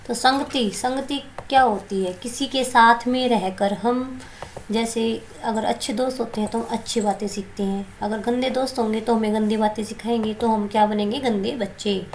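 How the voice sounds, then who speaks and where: A woman primary school teacher explaining a lesson and reading a story to young children in simple, slow explanations. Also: a little high, steady tone, slight background noise.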